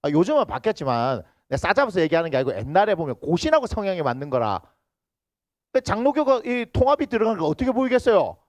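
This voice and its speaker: Lively Gyeongsang-accented pastor preaching. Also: male voice, high-pitched, no room sound. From Busan. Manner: lively, teasing, banters with the congregation. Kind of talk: sermon. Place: church sanctuary. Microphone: handheld microphone.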